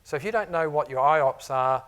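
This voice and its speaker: In a conference room full of live listeners, a technology architect addresses customers in a conversational conference talk, leaning heavily on "uh" and "you know." He is middle-aged, with an accent that mixes New Zealand and Australian, and his voice is a little high, a little fast and fairly bright.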